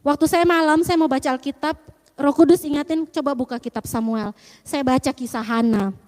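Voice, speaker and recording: A woman giving a halting, earnest faith testimony, often quoting her own prayers. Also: high voice, steady tone, darkish tone, long reverb tail.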